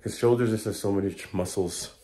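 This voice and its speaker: A young man vlogs casually to himself while doing push-ups for a fitness challenge, sounding a bit winded and strained. His warm voice is fairly low and fairly quick with fairly even intonation. It's captured on a phone camera held at arm's length or propped nearby in an echoey small room.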